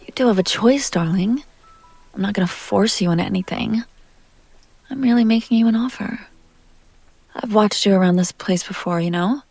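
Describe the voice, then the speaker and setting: Tender and coaxing, a woman plays a sophisticated, seductive vampire heiress in an intimate audio drama, using a mid-range voice with no room sound. She speaks softly and deliberately in genteel phrases, adding breathy, teasing asides that often dip into a whisper.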